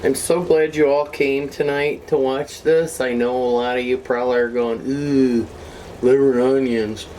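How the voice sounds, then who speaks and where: A woman hosts a relaxed cooking show from her home kitchen, talking to viewers in a homey way as her voice gives out. She speaks with a rumbling low, darkish voice at a moderate pace, with fairly even intonation and few pauses. The rough recording has a little hiss or hum, with a sizzling pan and kitchen sounds in the background.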